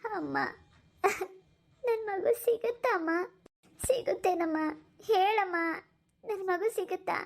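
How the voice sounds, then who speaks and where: A woman's voice: extremely high pitch, slow, vocal fry, pauses often, darkish tone, exaggerated voice. A woman voicing a grief-stricken young mother in a cartoon, sobbing and pleading. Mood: distraught. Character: young mother, grief-stricken over her missing baby. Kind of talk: cartoon voice acting.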